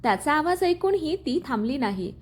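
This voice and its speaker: A woman's voice: sits high, sing-song, normal speed. A woman narrating a family drama story in a dramatic storytelling manner.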